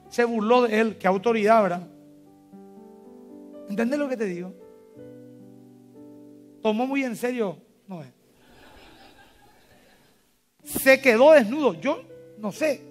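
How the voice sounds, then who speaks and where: A male pastor with a Paraguayan Spanish accent preaching a sermon, swinging between loud emphatic cries and low quiet asides. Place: church. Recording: church service broadcast with faint music.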